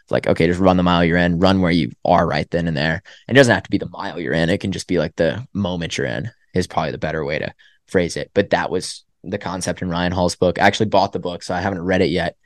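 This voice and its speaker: Young man, lively storyteller, dry mic. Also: sits low, fast, no echo. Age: young adult. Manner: animated storytelling with acted self-talk. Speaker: guest, college track runner. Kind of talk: casual podcast interview. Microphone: podcast microphone.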